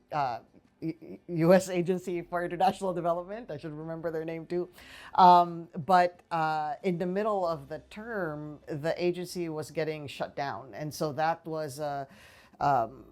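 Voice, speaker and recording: Her voice sits low with a darkish tone: she's a woman in her forties from the Philippines, a political science professor fielding interview questions. Thoughtful yet full of fillers and restarts, she talks into a lapel mic inside a small office with bookshelves.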